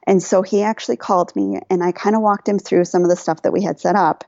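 A woman guest on a podcast telling a personal story in casual chat, animated, laughing often and quoting herself and others. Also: fairly low pitch, quick pace, dry recording, muffled recording.

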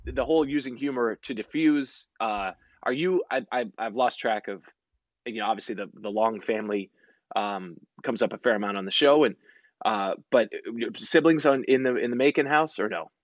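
A man's voice: medium pitch, moderate pace, no room sound. A man of forty, a sports broadcaster guesting on a podcast, talking in a rambling, tangential way and laughing often. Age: 40s. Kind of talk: casual chat.

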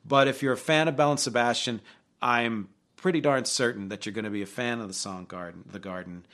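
Hosting a music show, a man who isn't from Glasgow talks through songs to camera in a reflective, conversational way, asking his viewers questions. His mid-range voice is brisk and fairly bright.

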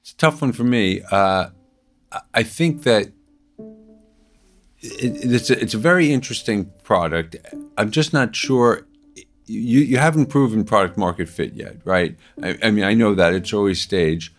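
A man investor questioning founders and explaining his pass in a halting way, often repeating words. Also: on the low side, expressive, soft background music. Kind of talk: business pitch discussion.

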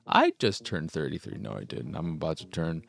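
A man's voice: a bass voice, very animated, fairly quick, gravelly, fairly bright tone. A man in his thirties hosting a casual podcast, talking in a loose, rambling, crude way into a close microphone. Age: 30s. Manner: loose, rambling and crude, with playful silly voices. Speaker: podcast host. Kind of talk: casual solo podcast chat.

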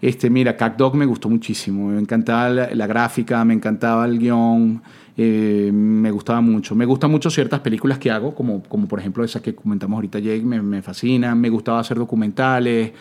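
A man from Caracas with a Venezuelan accent, a voice actor chatting as a podcast guest, relaxed and full of fillers. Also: medium pitch, a little fast. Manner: relaxed storytelling with frequent fillers. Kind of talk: casual podcast chat.

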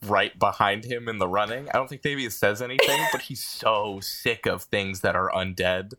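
A man playing a tabletop game, talking in a halting, wry way. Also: fairly low pitch. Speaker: player. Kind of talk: casual tabletop game chat. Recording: loud noisy recording.

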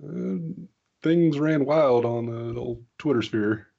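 A man co-hosting a casual sports chat, his voice coming through slowed down and deep as if in slow motion, halting with fillers. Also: creaky, warm tone, dull audio. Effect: his audio sounds slowed down and deep, like slow motion. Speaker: podcast co-host.

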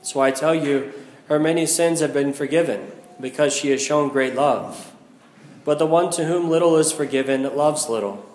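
American priest, echoing in a big church. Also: male voice, a little high, normal speed, a little mellow, slight background noise. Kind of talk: liturgical Gospel reading and homily. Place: inside a large church. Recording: echoing large church hall.

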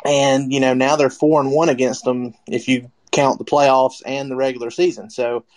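A man hosting a loose sports talk show, his voice sitting at an everyday middle pitch. He rambles through his points with plenty of fillers and restarts, bringing in his co-hosts as he goes. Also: little pitch movement, normal speed, a little mellow. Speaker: podcast host.

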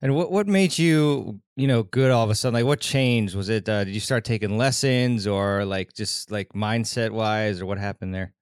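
Podcast host guy, low resonant voice, lots of ums and likes, dry sound. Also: moderate pace, few pauses, smooth, no room sound. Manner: hesitant, filler-heavy, casual questions. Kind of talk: podcast interview.

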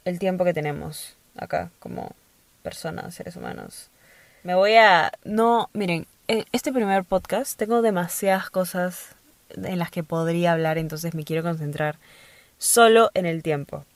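A woman's voice: lowish voice, dry recording. Chatty young woman, dry close sound. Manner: chatty, playful, quick asides. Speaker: podcast host. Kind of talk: casual monologue.

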